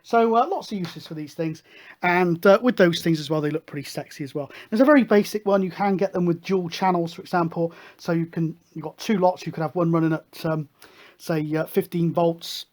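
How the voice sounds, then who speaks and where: A man's voice: on the high side, fairly quick. A British man hosting a hobby electronics video, talking through a hands-on demonstration in a chatty, matter-of-fact way.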